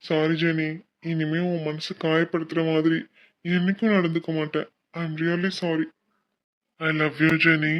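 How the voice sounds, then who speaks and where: A man's voice: a little high, level tone, slow, muffled recording. A man voicing a teasing young college guy. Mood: pleading. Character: young male college senior, playful then tender husband. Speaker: voice actor for a cartoon. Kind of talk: cartoon dialogue.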